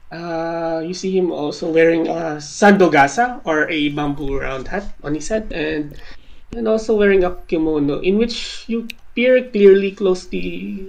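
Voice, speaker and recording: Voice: mid-range voice, gravelly, low-quality recording. A player describing their tabletop character, hesitant with many fillers.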